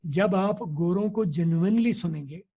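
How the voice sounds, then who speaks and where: A man's voice: high voice, moderate pace, dark tone. A man, an English teacher explaining in an interview, teacherly and repeating key words to drill them. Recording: dull lo-fi recording.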